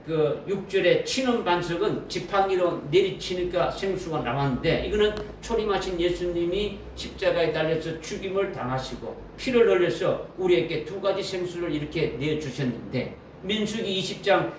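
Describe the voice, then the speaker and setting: Male pastor, sermon delivery, quizzes the congregation and repeats key lines; roomy sanctuary sound with faint hiss. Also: high-pitched. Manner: asks the congregation questions and repeats key phrases. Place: church sanctuary. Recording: roomy echo from a distant mic with faint noise.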